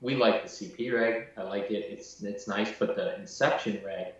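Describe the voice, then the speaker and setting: A man with a somewhat low voice rambles casually as an interview guest. He sounds far from the mic in a very echoey space. The sound is muffled and dull. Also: normal speed. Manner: rambling, casual, many fillers. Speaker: guest, gun builder.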